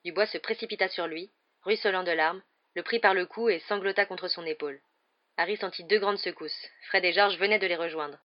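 A woman narrating a novel as an audiobook, reading in a lively storytelling manner. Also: lowish voice, brisk, highs cut off.

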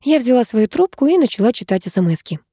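Female audiobook narrator, wry and even; mellow tone, dry. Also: fairly high pitch, quick pace, husky, dry recording. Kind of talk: scripted narration.

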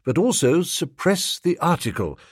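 A man performs a deferential manservant in an audiobook, speaking low and without hurry. Every word is formal and calm, and the voice is slightly husky in a dry, close recording. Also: dry recording. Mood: measured. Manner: low, measured, formal and unruffled.

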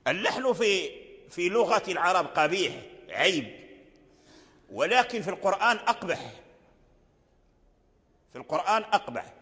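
Older guy teaching recitation, slow and repetitive, chants bits, highish voice, big echoey hall. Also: sing-song, sharp tone. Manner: slow, repeats phrases, chants verses. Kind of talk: religious lesson on recitation rules. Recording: long hall reverb.

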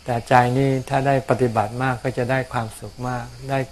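Calm Thai monk explaining dharma. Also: male voice, mid-range voice, fairly quick, a little hiss or hum. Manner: calm, explanatory, repeats words. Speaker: Buddhist monk teacher. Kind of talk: casual dharma Q&A. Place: outdoors on a mountain.

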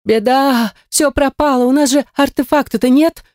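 A woman voicing a timid young friend who faints easily, with shrill panicky protests. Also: moderate pace, darkish tone, no echo, clean studio sound, close to an everyday voice. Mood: panicked.

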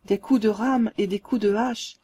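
A woman reading a ghost story aloud as a calm, measured narrator. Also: mid-range voice, breathy edge. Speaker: audiobook reader. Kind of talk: scripted narration.

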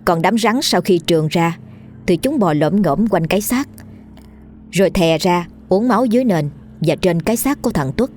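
A woman narrating a horror story in a steady storytelling manner. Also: lowish voice, moderate pace, slight background noise.

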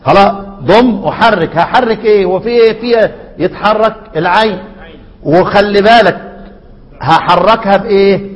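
A man's voice: high voice, moderate pace. A man with an Egyptian accent teaching a recitation lesson, often asking his students rhetorical questions and repeating key words. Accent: Egyptian Arabic. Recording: lo-fi recording in a reverberant hall.

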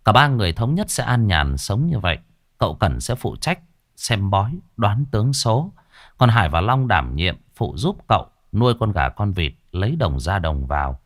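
Man, horror story narrator, lowish voice, lively dramatic delivery, dry close sound. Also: normal speed, no room sound. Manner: expressive, dramatic.

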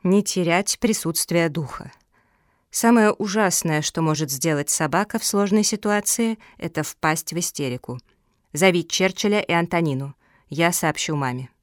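A woman's voice: no echo, studio quality, close to an everyday voice. Kapa, a woman playing a stern eldest dog sister. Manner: low, measured and commanding.

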